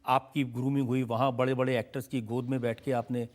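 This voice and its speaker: Man, TV host, interviewing, teasing questions, mid pitch. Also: level tone, fairly quick, a little mellow.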